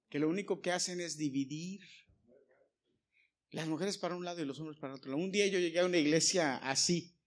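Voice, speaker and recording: A fairly high-voiced man, preaching to a congregation. He carries the sermon with anecdotes, acts out the quoted exchanges, and keeps turning to the listeners with asides.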